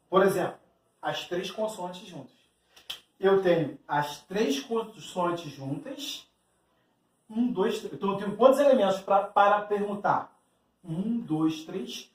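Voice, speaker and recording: A man's voice: sits high, a bit bright, roomy sound, distant mic. A man with a Brazilian Portuguese accent teaching an exam-prep math lesson, explaining step by step and talking straight to the student. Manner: explanatory, addresses the student directly, acts out student questions.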